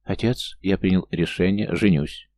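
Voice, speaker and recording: Guy reading a smitten young man, breathless and adoring, dark low voice. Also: a little slow. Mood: earnest. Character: young man, smitten cousin, lovestruck and ardent.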